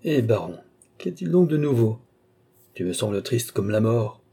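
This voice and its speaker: Man reading as an old aristocratic duke, ironic, theatrical, dark husky tone. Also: on the low side, sing-song, normal speed, exaggerated voice. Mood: teasing. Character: old male duke and marshal, wry and vain.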